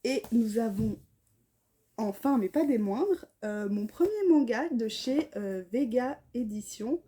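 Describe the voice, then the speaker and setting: A woman's voice: fairly high pitch, warm tone, slightly rough. A woman chatting casually about books, reading blurbs aloud and tripping over names. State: tired. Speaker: book vlogger. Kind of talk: casual chat.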